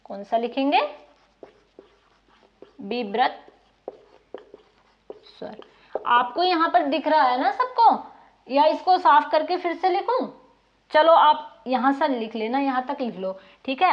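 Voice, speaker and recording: Slow high-voiced woman teaching. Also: big pitch swings. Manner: repeats words slowly for note-taking, asks pupils questions. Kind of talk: slow dictation-style classroom lesson. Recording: muffled lo-fi recording.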